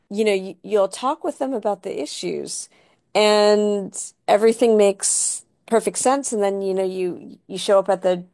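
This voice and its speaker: A woman's voice: medium pitch, darkish tone. A woman researcher on a panel, agreeable and a bit hesitant, restarting phrases. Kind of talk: panel discussion.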